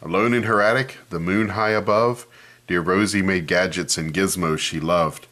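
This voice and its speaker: Low-voiced man reading a picture book. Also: fairly even intonation, normal speed, a bit bright. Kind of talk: children's story read-aloud with page commentary.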